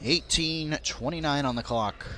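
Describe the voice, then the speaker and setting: A young man calling basketball play by play in a rapid, auctioneer-like patter that rises on big plays. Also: a little high, sharp tone, a little hiss or hum. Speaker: play-by-play commentator.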